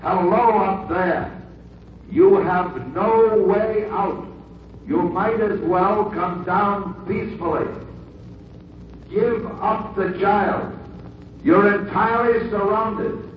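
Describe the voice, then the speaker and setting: An actor playing a police officer who speaks slowly and firmly through a megaphone loudspeaker to a hostage-taker, in a 1950s-style radio drama. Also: male voice, sits high, fairly even intonation, a little hiss or hum. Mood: commanding. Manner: slow, firm, commanding. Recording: echoey, distant, dull old radio broadcast.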